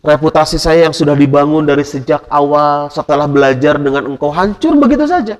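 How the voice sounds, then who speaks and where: A man's voice: on the high side, expressive, fairly quick, natural voice. A man voicing a distressed young male pupil who pleads and protests about his ruined reputation. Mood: aggrieved. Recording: long hall reverb.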